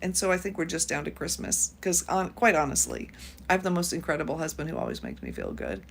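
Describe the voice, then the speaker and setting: A woman's voice: low voice, sing-song, fast, creaky, slight background noise. A woman in her fifties from the United States, hosting a casual livestream chat and reading out viewer comments as she talks. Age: 50s. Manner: chatty, reads out viewer comments. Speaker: YouTube host.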